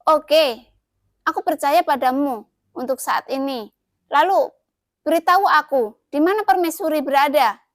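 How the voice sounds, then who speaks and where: A woman's voice: high-pitched, unhurried, long pauses, no room sound, studio quality. Female narrator as an armored warrior in an audio novel; cold, curt, probing questions.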